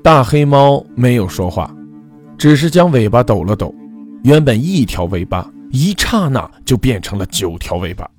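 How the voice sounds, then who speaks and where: Male narrator for a spooky folk tale, expressive and animated, faint music underneath. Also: mid-range voice. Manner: measured, dramatic storytelling. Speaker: storyteller. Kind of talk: scripted ghost story narration.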